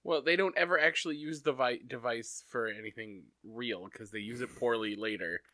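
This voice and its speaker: Bright-voiced man chatting about a cartoon. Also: medium pitch, normal speed, no room sound, studio quality. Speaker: podcast co-host. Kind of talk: casual chat recapping a cartoon episode.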